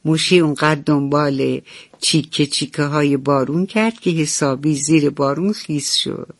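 A woman narrating a bedtime story for children on the radio, gentle and affectionate. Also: deep voice, no echo. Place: radio studio.

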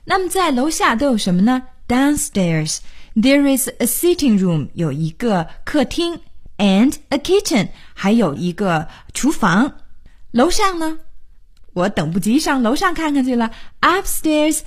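Radio English teacher, woman, very animated pitch, patient and encouraging, spells letter by letter. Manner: spells words slowly letter by letter, lively and encouraging. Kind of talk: radio English lesson, spelling and explaining words. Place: radio studio.

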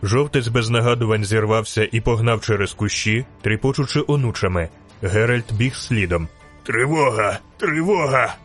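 A man reading a fantasy novel aloud in steady, scripted audiobook narration. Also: on the low side, normal speed, faint music behind.

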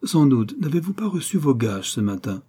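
A man's voice: medium pitch, very animated, moderate pace, warm tone, husky, pitched above the performer's own voice. A man voicing a carefree, haughty young Parisian count in an audiobook reading, talking in a lofty, teasing way.

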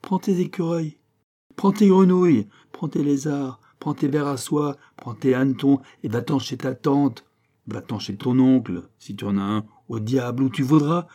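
A man voicing a furious old priest schoolmaster in an audiobook, shouting heavy-accented scolds. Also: mid-range voice, measured pace, hardly any pauses, natural voice.

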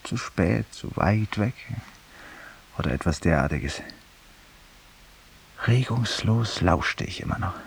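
Heavily acted and animated, with vocal fry and a lowish pitch, a male performer portrays a tired, ironic man haunted by something he confesses to a stranger. He speaks in a measured, bookish, ceremoniously courteous, confiding way, reflective in mood, like 1950s German radio drama. The recording is hissy and his voice sounds far off.

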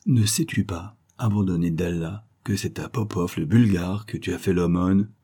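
Indignant devout men accusing a neighbor with loud outrage, as a narrator puts them on. The voice rises above the reader's own, staying husky. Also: male voice, deep voice, moderate pace. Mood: outraged.

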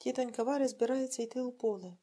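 Жінка, виразна аудіокнижкова оповідь. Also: female voice, a little high, fast talker, warm tone. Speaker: audiobook narrator. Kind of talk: literary audiobook narration.

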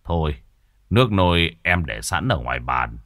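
A man's voice: very deep voice, sing-song, normal speed, fairly bright tone, dry recording, pitched below the performer's own voice, heavily acted. A frightened older villager, voiced by a male storyteller begs in a humble, stammering way. His voice rises and falls widely, sounding dry and close to the mic. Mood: weary resignation.

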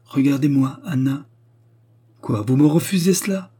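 A man's voice: mid-range voice, a little slow, dark tone, husky, voice pushed up. A man voicing a desperate, earnest suitor who implores urgently. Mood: insistent.

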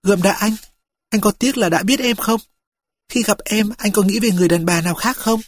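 A reader voicing a frail young woman who speaks softly and tenderly to her lover, in a husky voice. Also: medium pitch, fairly quick, no echo, clean studio sound, pitched above the performer's own voice, close to an everyday voice. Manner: soft, pleading and intimate.

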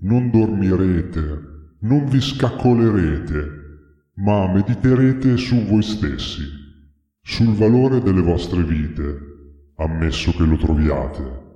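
A man voicing an imperious leader who talks to the crowd as if he were a god, commanding and deliberate. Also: sits low, animated, mellow, dull audio. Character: imperious self-made godlike male leader addressing crowds. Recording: long echoey hall reverb.

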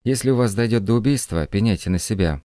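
Brief: stern, official police lieutenant, read by a man, deep and dry. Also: expressive, fast, mellow, dry recording, lightly acted.

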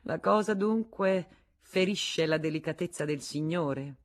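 A woman's voice: low voice, moderate pace. A woman reading an audiobook, voicing a wounded wife who confronts her husband with cold, bitter irony.

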